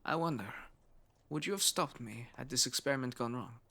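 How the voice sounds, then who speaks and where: Voicing an earnest, driven young scientist who grew up poor, a man performs an intimate ASMR roleplay, musing with thoughtful pauses in measured phrases. The mood is intense and reflective, and his medium-pitched voice sounds pushed and bright with vocal fry.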